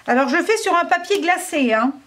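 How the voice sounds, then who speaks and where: A woman's voice: extremely high pitch, animated, brisk, a bit bright, slight background noise. A French woman casually reviewing craft markers, chatty and hesitant, thinking aloud with many fillers.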